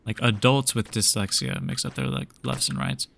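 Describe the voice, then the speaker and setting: Young man, gravelly voice, streamer, casual rambling chat, lots of fillers, home desk mic. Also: mid-range voice, steady tone, normal speed, fairly bright tone. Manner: rambling, laid-back, many fillers and restarts. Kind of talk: casual chat while gaming.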